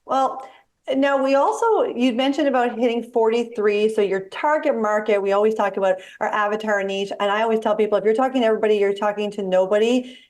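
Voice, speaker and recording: A woman's voice: fairly high pitch, brisk, darkish tone. Affirming woman host in her forties. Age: 40s. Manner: affirming, asks long rambling questions. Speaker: podcast host. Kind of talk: casual interview chat.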